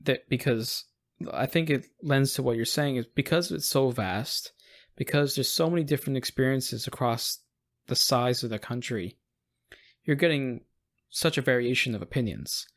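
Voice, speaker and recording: An American man co-hosting a casual podcast chat, musing aloud with frequent restarts and quick acted-out quotes. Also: mid-range voice. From United States. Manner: rambling, restarts and acts out quoted voices. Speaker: podcast co-host.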